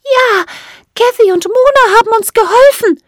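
A woman's voice: very high voice, moderate pace, dry recording, clean studio sound, pitched above the performer's own voice. A woman voicing a small, brave fairy girl who stands up defiantly for her sisters.

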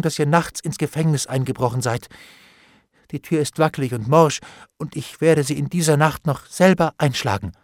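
A cowardly bailiff pleads for mercy in a high, wavering whine, as a man reads him aloud. His voice jumps all over the place and carries a husky grain. The recording is dry and close, with no room around it. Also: no room sound, full character voice. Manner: high, whining and begging, with gasps and whispered prayers. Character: frightened, pleading male bailiff, cowardly and wheedling. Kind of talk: audiobook character reading.

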